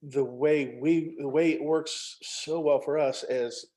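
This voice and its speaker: A man with a slightly high, mellow voice and fairly even intonation speaks slowly in a casual panel conversation. He's an author, co-writer of a novel, telling anecdotes and acting out bits of quoted dialogue.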